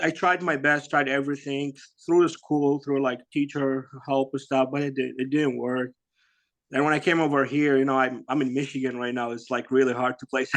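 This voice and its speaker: A man, answering interview questions in a halting, casual way with many fillers and soft laughs. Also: mid-range voice. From Iraq. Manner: halting, lots of "you know" and "like", laughs softly. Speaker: guest, bodybuilder.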